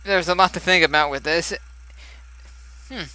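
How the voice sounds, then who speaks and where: A man's voice: fairly high pitch, normal speed, sharp tone, clean tone, low-quality recording. A young man commentating as he plays a story game, chatty and musing aloud with frequent laughs. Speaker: let's play gamer.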